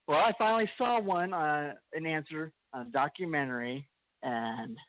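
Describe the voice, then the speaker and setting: A man's voice: fairly high pitch, a bit bright, dry recording, muffled recording. Heated young man ranting on a podcast. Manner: heated, swearing, emphatic bursts. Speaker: podcast host. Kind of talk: impassioned podcast rant.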